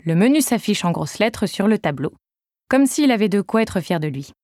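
A woman's voice: medium pitch, very animated, moderate pace, dark tone, no room sound, studio quality. A woman narrating a novel in the first person with a wry tone. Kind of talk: audiobook narration.

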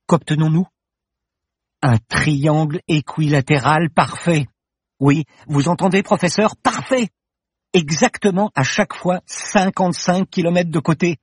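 A man reading an audiobook and voicing an eager, excitable young woman student who loves solving riddles. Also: mid-range voice, a little slow, husky, no echo, studio quality, voice pushed up. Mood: excited. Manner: excited, insistent, rising. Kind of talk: audiobook character voice.

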